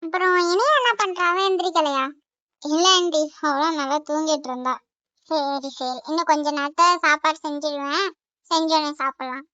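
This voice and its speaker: A woman's voice: sits high, moderate pace, bright, forceful tone, dry recording, highs cut off. A woman voicing a harried, scolding Tamil mother in a cartoon, speaking with a Tamil accent. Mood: kindly. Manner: scolding, blunt insults.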